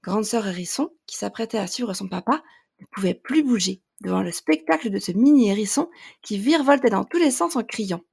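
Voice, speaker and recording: A woman narrating a children's storybook in a gentle, lilting way. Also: medium pitch, animated, brisk, creaky, slightly rough. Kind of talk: storybook reading.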